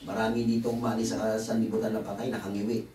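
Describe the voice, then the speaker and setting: A man's voice: fairly low pitch, flat delivery, fast talker, reverberant, recorded from a distance, a crowd in the background, low-quality recording. A man preaching a conference sermon in a conversational, joking way, with asides to the congregation. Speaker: pastor. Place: church hall.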